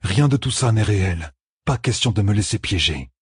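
A frightened young man played by a male narrator speaks up in a raised, urgent voice. The tone is rough and very husky, with lively swings in pitch. It is read close and dry, like an audiobook. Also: normal speed, no room sound. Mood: tense urgent.

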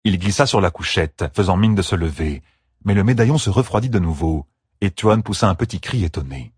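A male audiobook narrator with a low, husky voice who reads in an even, measured way. The close studio mic captures a dry sound with no room around it. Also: dry recording. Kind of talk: scripted narration.

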